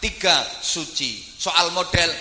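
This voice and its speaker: A male preacher, his voice high and piercingly bright. He swings between playful jokes and loud, fervent declamation. The sound rings out with long reverb across a large hall, with faint room ambience behind. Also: expressive, takes it slowly, a little hiss or hum. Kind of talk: humorous sermon.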